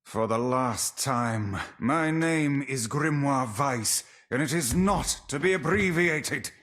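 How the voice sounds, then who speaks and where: A man playing a proud talking magical book in a video game, formal, deliberate and pompous. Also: mid-range voice, a bit bright. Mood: haughty, recovered.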